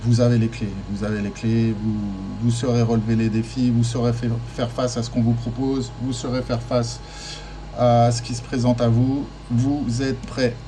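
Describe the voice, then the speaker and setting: A man talks through a tarot reading in an easygoing, stop-start way, often pausing on fillers and repeating words. He keeps urging his listeners on. His voice sits at an everyday middle pitch, and a steady noise hangs under the recording. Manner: hesitant, many fillers and restarts, encouraging. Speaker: tarot card reader. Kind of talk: casual spoken guidance.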